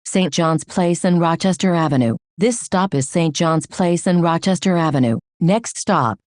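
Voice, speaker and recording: Low-voiced woman, automated bus stop announcement. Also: darkish tone, no echo, studio quality. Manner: measured, evenly paced phrases. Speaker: transit announcer.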